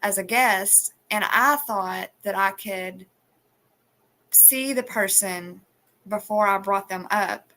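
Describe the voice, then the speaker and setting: A woman's voice: medium pitch, slow pace, pushed and bright. A woman hosting a live stream, chatting casually and rambling with many restarts. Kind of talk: casual chat. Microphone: phone.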